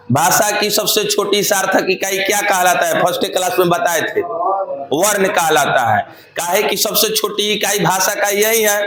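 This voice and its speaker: A man's voice: sits high, fairly bright tone, roomy sound. A man teaching grammar in a classroom lecture, repeating phrases and quizzing his students.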